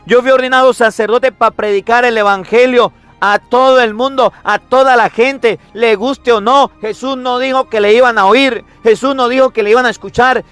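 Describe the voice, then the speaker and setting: Emphatic high-voiced priest preaching. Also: male voice, fairly bright tone, clean tone, no echo. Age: 30s. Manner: emphatic, repetitive preaching with rhetorical questions. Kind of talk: sermon.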